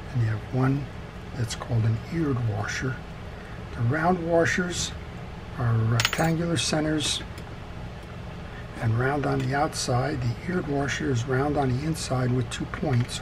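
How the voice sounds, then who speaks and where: Working at a wooden workbench indoors, a man with a mid-range voice and some vocal fry presents a fishing reel repair tutorial. His hands-on demonstration is casual and methodical, moving step by step, with steady background noise throughout.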